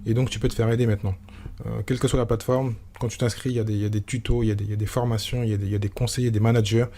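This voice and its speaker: Fast-talking man, dark low voice. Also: flat delivery, slight background noise. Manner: rambling, many restarts and fillers, informal tutoiement. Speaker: podcast host. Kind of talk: solo podcast monologue.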